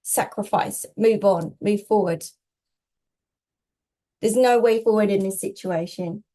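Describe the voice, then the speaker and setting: A woman's voice: mid-range voice, a little slow, dark tone. A woman tarot reader giving casual spiritual guidance, reassuring and emphatic, often repeating herself in short phrases.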